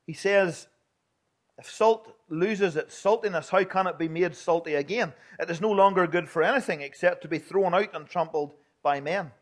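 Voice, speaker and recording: A man's voice: sits high, normal speed. A man with a Northern Irish, Ulster accent delivers a sermon as a preacher, speaking plainly and earnestly and putting questions to his listeners.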